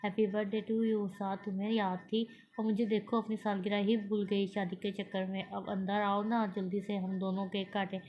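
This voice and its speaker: A woman's voice: mid-range voice, flat delivery, normal speed, hardly any pauses, highs cut off, lightly acted. A woman as a playful young bride. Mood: chatty. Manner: chatty, complaining.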